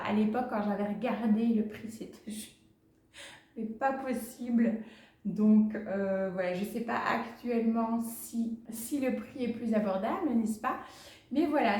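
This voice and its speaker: A woman's voice: medium pitch, mellow. Chatty woman in an echoey room. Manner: chatty, hesitant with many fillers, laughs easily. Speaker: plant vlogger, channel host. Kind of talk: casual chat to camera, showing plants. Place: home, indoors.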